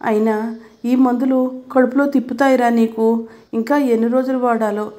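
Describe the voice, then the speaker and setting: Woman reading a gentle, patient old mother in a spoken story, soothing and warm-toned. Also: on the high side, fairly even intonation, normal speed, voice pushed up, natural voice. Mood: tender. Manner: soothing, fond pleading. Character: patient, tender elderly mother.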